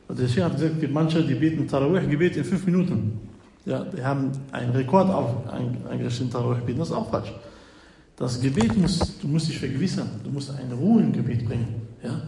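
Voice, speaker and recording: Talking fast, a preacher with a warm, medium-pitched voice and vocal fry retells hadith in a religious lesson. His explanation proceeds step by step, peppered with "ja?" checks and slightly nonstandard grammar, recorded in an echoey hall with faint noise.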